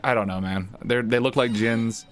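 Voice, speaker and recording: A man's voice: mid-range voice, steady tone, a little fast, over music. A man streaming a video game with friends, joking sarcastically and swearing freely. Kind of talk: casual game-stream banter.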